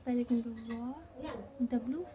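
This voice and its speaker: Her voice sits on the high side with little pitch movement, and a crowd murmurs behind her. In a Hindi accent she teaches shorthand step by step, going slowly, repeating herself, and checking in with "theek hai."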